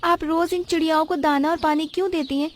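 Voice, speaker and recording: A woman's voice: very high voice, steady tone, fast talker, slight background noise. A woman voicing the curious young daughter of a poor vegetable seller, in a childlike, chatty way.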